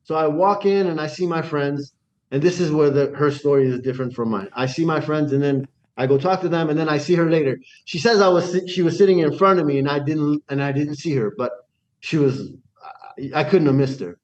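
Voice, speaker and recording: This guest, a man from Iran, recounts his life in a relaxed interview, speaking a little fast with a fairly high pitch. He's animated, often starts sentences over, and performs the lines he quotes. The recording has its highs cut off.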